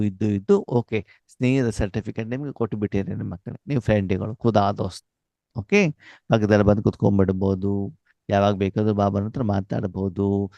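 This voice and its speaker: A man with a low, mellow voice leads a spiritual class, often pausing on a question so listeners can complete it. He slips Hindi phrases into his talk. The sound is dry and a little dull, like a lo-fi recording. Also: dry recording. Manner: asks questions for the audience to complete. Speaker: spiritual teacher.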